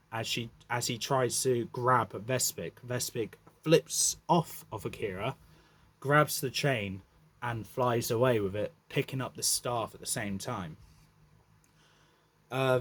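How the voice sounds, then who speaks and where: A man narrating a monster battle story off the cuff, hesitant, with many fillers and self-corrections. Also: medium pitch.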